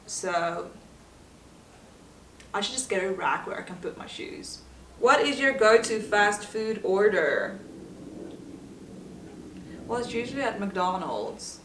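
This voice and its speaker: A chatty, giggly South African vlogger whose first language is Afrikaans answers get-to-know-me questions with an accent, laughing often. Her medium-pitched voice is animated, a bit bright and slow, with frequent pauses. The recording has a roomy echo, a little hiss or hum, and her voice sounds distant.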